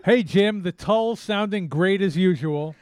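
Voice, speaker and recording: A man's voice: high voice, measured pace, a little mellow, clear, resonant tone, no room sound. A man co-hosting a radio fundraiser in casual banter. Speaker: radio co-host.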